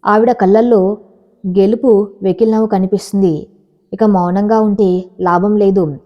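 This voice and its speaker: A woman storyteller narrating an audio story with a dramatic, measured reading. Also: mid-range voice, fairly even intonation, long reverb tail, lo-fi sound.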